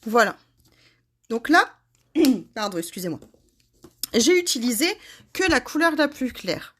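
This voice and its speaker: Slow, chatty woman demonstrating crafts. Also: a little high, sing-song, a bit bright, a little hiss or hum. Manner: chatty, addresses viewers by name, laughs at herself. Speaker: craft tutorial host.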